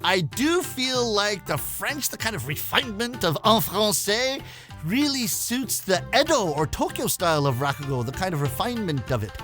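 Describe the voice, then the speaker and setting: A Canadian rakugo storyteller with a high voice chats playfully with viewers between short comic tales, speaking at normal speed over faint background music. He's lively, moving back and forth between narration and character voices.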